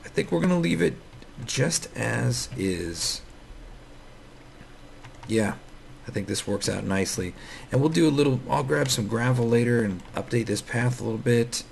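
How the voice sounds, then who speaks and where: Gravelly-voiced man rambling through gameplay. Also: mid-range voice, animated, normal speed, long pauses. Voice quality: scratchy morning voice. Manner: rambling, many fillers and restarts. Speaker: Minecraft let's player. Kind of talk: casual gameplay commentary.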